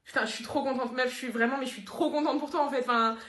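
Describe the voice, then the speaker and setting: A young woman performing comedy sketches, switching between deadpan sarcasm and giddy chatter. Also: high voice, quick pace, roomy sound.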